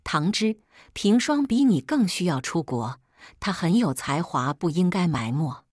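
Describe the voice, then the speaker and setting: A woman's voice: lowish voice, big pitch swings, a little slow, darkish tone, husky, no room sound, clean studio sound, full character voice. Woman voicing a cold rich young husband. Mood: cool.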